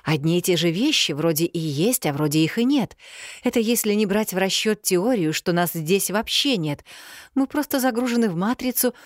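A woman voicing a young bride who babbles flippant nonsense in a higher, lively voice. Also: moderate pace, dry recording, studio quality, lightly acted.

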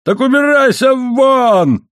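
A man's voice: on the low side, expressive, slow pace, no room sound, clean studio sound. A man voicing a drunken, coarse middle-aged coal miner who drags out his words and then bellows. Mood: bellowing. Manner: slurred drawl turning to bellowing.

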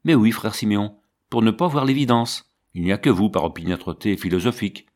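A man's voice: lowish voice, brisk, darkish tone, natural voice. A man reading the lines of an anxious monastery prior who foretells the end of the world, insistent and defensive. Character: anxious doom-preaching male monastery prior.

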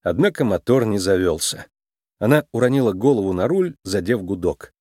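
A man narrating a children's storybook in a lively, expressive reading style. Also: fairly low pitch, brisk, no room sound, studio quality.

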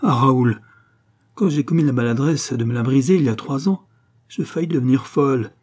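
A man's voice: mid-range voice, moderate pace, a little mellow, slightly rough, natural voice. A man reading the lines of a young Parisian wife, earnest and pleading as she confesses.

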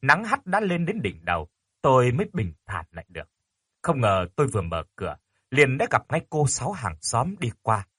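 A man narrating a first-person ghost story in an expressive, dramatic way. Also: medium pitch, moderate pace, breathy edge, no room sound, clean studio sound.

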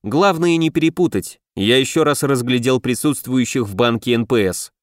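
A man reading a first-person fantasy audiobook in an even, storytelling manner. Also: medium pitch, moderate pace, dry recording, studio quality. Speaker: audiobook narrator.

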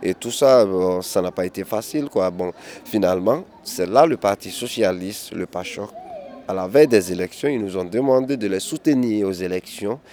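A man with a deep, mellow voice speaks at a moderate pace. In a hesitant interview, he recounts his experience as a migrant activist, often restarting and repeating words. It comes across as candid testimony.

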